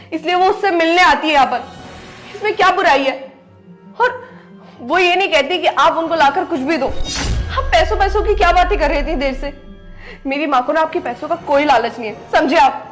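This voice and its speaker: High-voiced woman as a wounded young wife, reproachful, faint music behind. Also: close to an everyday voice. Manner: hurt, reproachful, emotional. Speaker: wife in a family skit. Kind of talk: scripted family drama skit.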